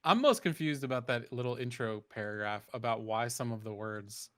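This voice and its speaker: A man's voice: mid-range voice, normal speed, fairly bright tone, no echo. A man co-hosting a design podcast, chatting casually in an easygoing way and laughing often. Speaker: podcast co-host. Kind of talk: casual chat.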